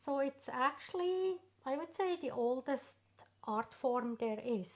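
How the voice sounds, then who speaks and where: This middle-aged artist from Switzerland, whose first language is not English, has a Swiss accent and a slightly high, expressive voice. As the guest in a casual interview, she shares her story slowly and warmly, often pausing and using fillers.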